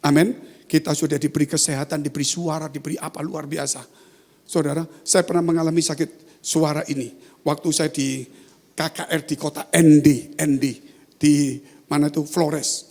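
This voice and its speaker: A man preaches to his congregation in a husky voice that sits fairly high. He tells stories, dropping to quiet asides and then rising to loud, high exclamations. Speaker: pastor. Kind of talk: sermon.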